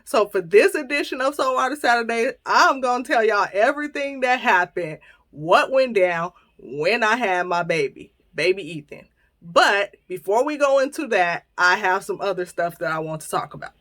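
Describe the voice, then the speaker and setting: A woman hosts her own vlog. She chats with her viewers in a casual, playful way. Her voice sits in a middle pitch. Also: moderate pace. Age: 30s. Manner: lively, chatty, playful storytelling. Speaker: channel host.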